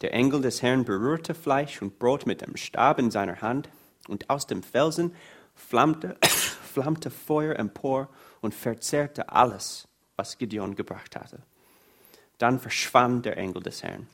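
A man's voice: medium pitch, slow, fairly bright tone. A man preaching a sermon, reading Bible passages aloud in an earnest way.

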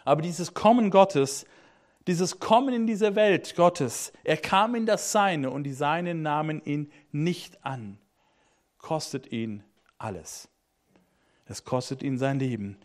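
A man's voice: fairly high pitch, lively intonation, takes it slowly. A man preaching a sermon, reading scripture aloud and then explaining it with emphatic repetitions, speaking directly to his listeners. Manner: interjects hallelujah, addresses listener directly.

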